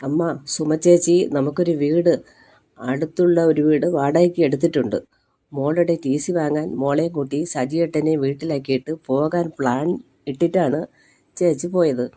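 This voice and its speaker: A man's voice: on the high side, fairly even intonation, normal speed, mellow, lightly acted. A man voicing an anxious young wife who speaks earnestly and pleads. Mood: worried.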